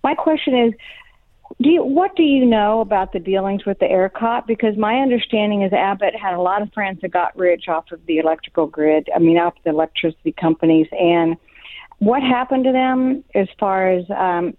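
Fields. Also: female voice, mid-range voice, normal speed, dry recording. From South Texas. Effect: over the phone. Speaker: caller. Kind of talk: call-in radio chat. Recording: tinny phone line.

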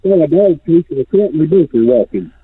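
Caller from mississippi, guy sounds like he's in a barrel, tinny muffled phone, high voice, talks fast and trips over words. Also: animated, breathy edge. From Mississippi, USA. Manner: halting, rambling, stumbles over his words. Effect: muffled, as if talking inside a barrel. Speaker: radio call-in listener. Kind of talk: casual phone call.

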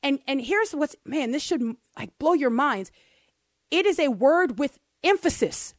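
A woman's voice: high-pitched, lively intonation, measured pace, no echo, studio quality. A woman co-hosting a radio show, teaching scripture in an emphatic, fervent way, repeating phrases for emphasis. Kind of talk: impassioned radio Bible teaching. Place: radio studio.

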